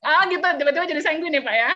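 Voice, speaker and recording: A woman trainer giving an online personality talk, telling stories in an animated way with playful sound effects. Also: high-pitched. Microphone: video call. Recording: dull lo-fi video call audio.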